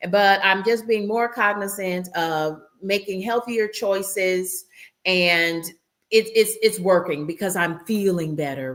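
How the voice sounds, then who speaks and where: A woman's voice: fairly low pitch, a bit bright. A woman hosting a casual interview over a video call. She chats easily and speaks directly to her subscribers. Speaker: host.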